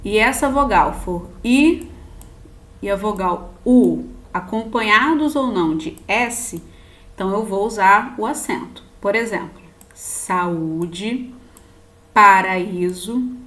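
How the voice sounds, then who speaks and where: Brazilian woman teacher, slow deliberate delivery, middle pitch, roomy echo. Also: animated, a bit bright. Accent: Brazilian Portuguese. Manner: slow, patient, spells out word endings one by one. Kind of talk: recorded online lesson.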